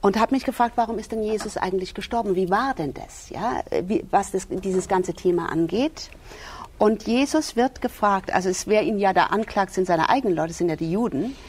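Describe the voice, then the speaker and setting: A woman's voice: medium pitch, moderate pace, darkish tone, slight background noise. A woman speaking earnestly about faith in an interview, emphatic, retelling scripture and checking in with "ja?". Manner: emphatic, retells scripture with quoted voices, frequent "ja?". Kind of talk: earnest religious discussion.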